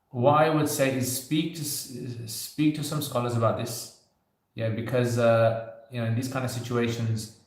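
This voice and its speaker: This livestream host is a man in his thirties fielding viewer questions in a casual Q&A, recorded in a very echoey room. His voice is medium-pitched and a little mellow. He keeps things loose and chatty, dropping frequent "you know"s and light jokes.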